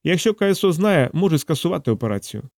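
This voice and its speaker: Man doing a gloomy physicist soldier, wry, dry grumbling, slightly raised pitch, audiobook. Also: very animated, fast talker, vocal fry, darkish tone, no room sound.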